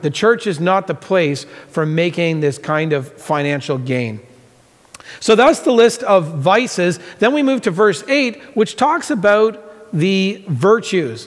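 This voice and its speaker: A man in his forties delivers a sermon from a large church stage with a high, light voice. He talks in an earnest, conversational way and repeats key phrases for emphasis. The sound carries a long sanctuary reverb. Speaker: pastor.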